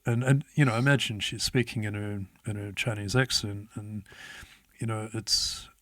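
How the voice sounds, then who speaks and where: A man's voice: lowish voice, steady tone, moderate pace, fairly bright tone, no echo. Laid-back, foul-mouthed New man. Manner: laid-back, swears often, laughs through the story. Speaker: interview guest. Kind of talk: casual storytelling.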